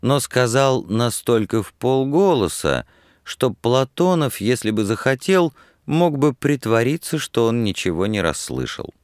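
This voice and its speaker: A man narrating an audiobook expressively, at a measured pace, close to the mic. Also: medium pitch, very animated, dry recording.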